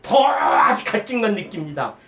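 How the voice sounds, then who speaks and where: A man's voice: sits high, wildly swooping pitch, moderate pace, fairly bright tone. A middle-aged man giving an earnest, rambling spoken testimony as a lay preacher, emphatic and quoting his prayers. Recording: echoey room, voice from a distance.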